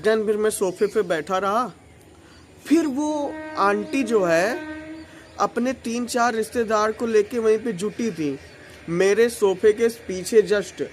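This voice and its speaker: A male vlogger telling a story in a casual, animated, emotional way, full of slang and swearing. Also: high-pitched, takes it slowly, a little hiss or hum.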